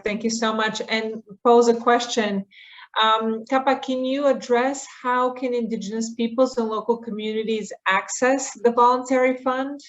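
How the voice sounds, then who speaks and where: A woman's voice: a little high, muffled recording. Polite woman asking a question. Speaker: meeting participant. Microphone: video call.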